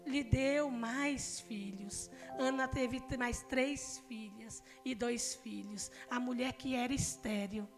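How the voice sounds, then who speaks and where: Middle-aged Brazilian woman preacher, high-pitched, telling a heartfelt testimony over music. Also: slow pace, few pauses. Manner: emotional storytelling, swinging from loud to hushed. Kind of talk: testimony sermon. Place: church.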